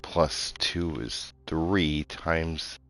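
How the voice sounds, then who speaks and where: A man's voice: a bass voice, level tone, very slow, a bit bright, soft background music. A man casually chatting and joking with someone in the room while playing a puzzle game. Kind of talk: casual let's-play chat.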